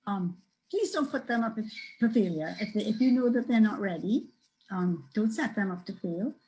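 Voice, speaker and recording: A Trinidadian woman moderating a webinar panel, speaking warmly but firmly in quick bursts. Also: medium pitch, animated, a little hiss or hum, rough recording. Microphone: video call.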